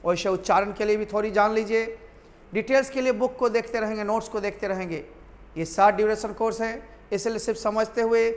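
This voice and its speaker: A man's voice: high voice, big-room sound. A man teaching a grammar lesson to students, repeating key points and calling them his children.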